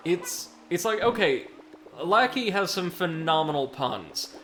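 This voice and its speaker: High-pitched and fairly bright, this American man's voice has lively intonation and an unhurried pace. He's live streaming a game, rambling along with self-deprecating puns and reading viewers' chat messages, all over background game music.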